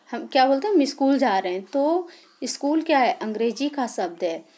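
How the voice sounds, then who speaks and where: A woman's voice: fairly high pitch, darkish tone. A woman teacher with an Indian accent explaining a grammar lesson to children, asking questions and then answering them herself. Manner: asks questions and answers them herself, repeats key terms.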